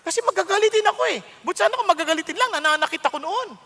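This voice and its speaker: A man in his sixties with a Filipino accent preaching a sermon, mixing Tagalog and English in an emphatic, conversational way with sudden loud outbursts. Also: extremely high pitch, expressive, racing. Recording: long hall reverb.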